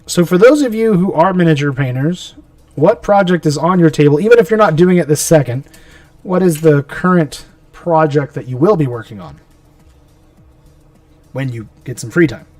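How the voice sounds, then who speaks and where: A fairly high-voiced man rambles through a casual live stream while he paints, talking half to himself and half to his viewers. He sits a little back from the mic in a dry room, with soft music playing behind him. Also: animated, moderate pace, no echo, far from the mic. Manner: rambling, talks to himself as he works.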